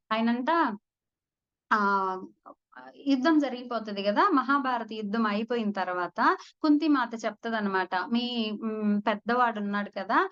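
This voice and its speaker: A woman teaches spiritual lessons through old stories, chatting with listeners she calls friends. Her voice sits a little high. The recording sounds dull and muffled. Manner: conversational, addresses listeners as friends. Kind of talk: storytelling spiritual talk.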